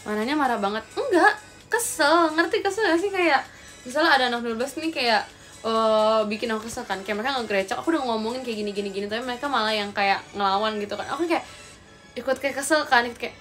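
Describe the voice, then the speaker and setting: A woman's voice: fairly high pitch, lively intonation, fast talker, fairly bright tone, soft background music. Chatty young woman on a phone livestream. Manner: chatty, rambling, addresses viewers directly. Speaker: idol livestreamer. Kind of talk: casual livestream chat.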